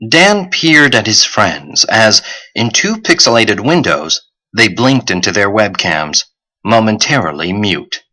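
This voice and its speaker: A man narrating a young-adult novel audiobook in a steady, clear storytelling manner. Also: fairly low pitch, measured pace, low-quality recording. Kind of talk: scripted narration.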